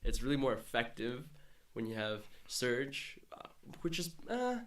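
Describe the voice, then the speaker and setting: A man's voice: mid-range voice, very animated, measured pace, fairly bright tone. A young man co-hosting a casual sports chat, jumping in with short remarks and fillers. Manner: short interjections and hesitant fillers.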